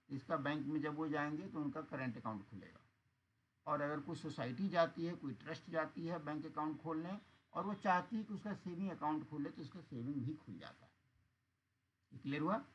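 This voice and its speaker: A man's voice: on the high side, highs cut off, slight background noise. Man teaching an online accounts class. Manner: patient explaining, asks students rhetorical checks.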